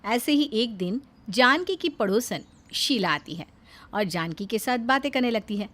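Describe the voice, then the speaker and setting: A woman telling a scripted story with a steady, measured delivery. Her voice sits high. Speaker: narrator.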